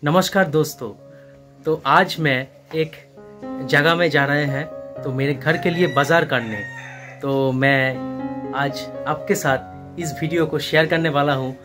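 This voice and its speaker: A man's voice: a little high, steady tone, unhurried, music in the background. A young man in his twenties, talking to viewers in a friendly way as he films on a phone held at arm's length, walking outdoors through a busy market. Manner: friendly, addresses viewers directly. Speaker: vlogger. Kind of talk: casual vlog narration.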